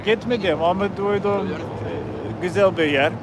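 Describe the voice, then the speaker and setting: A man who is not a native Turkish speaker, chatting casually on a livestream in simple, halting Turkish with a foreign accent and searching pauses. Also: high-pitched. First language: not Turkish, speaks it as a learner. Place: outdoors by a river. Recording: noisy outdoor live stream.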